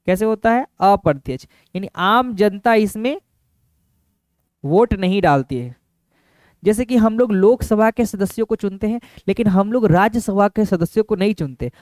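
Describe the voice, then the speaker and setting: A man teaching an exam-prep video lesson, repeating each point and asking viewers quick rhetorical questions. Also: high voice, a little mellow, no room sound, clean studio sound. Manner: calls viewers friends.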